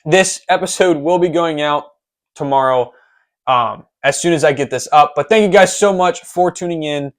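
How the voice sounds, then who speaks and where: A young man with a slightly high-pitched voice hosts a solo sports podcast. He tells the story in a loose, chatty way, with a few ums along the way. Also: normal speed. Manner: conversational storytelling with casual fillers. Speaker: podcast host.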